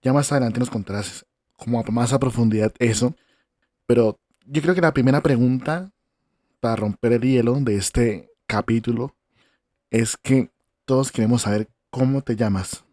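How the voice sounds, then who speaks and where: Podcast host: man, mellow dark tone, dry close sound, jokey. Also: medium pitch, normal speed, no echo. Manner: jokey, gives playful directions. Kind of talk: casual interview chat.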